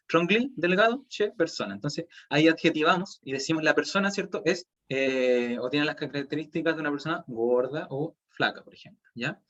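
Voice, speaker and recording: A Chilean man teaches a language class over a video call, walking through each example patiently and often checking that students follow. His voice sits fairly high for a man. The sound comes through a computer mic as dull, muffled, lo-fi audio. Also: fairly bright tone. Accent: Chilean Spanish. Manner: explains step by step, checks in with "¿cierto?" and "¿ya?". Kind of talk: online class lecture.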